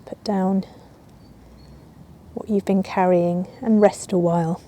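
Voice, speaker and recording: A woman yoga teacher leads a guided yoga nidra relaxation outdoors in a garden, soothing and unhurried with long pauses. Her voice is mid-range, steady, and mellow. Birdsong and garden ambience fill the background.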